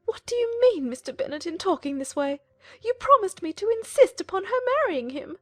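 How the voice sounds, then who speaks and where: Shrill, querulous, melodramatic mother. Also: very animated, fairly quick, no room sound, clean studio sound. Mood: indignant. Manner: theatrical, insistent, complaining. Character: querulous, melodramatic middle-aged mother, self-pitying and nagging. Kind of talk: dramatized audiobook acting.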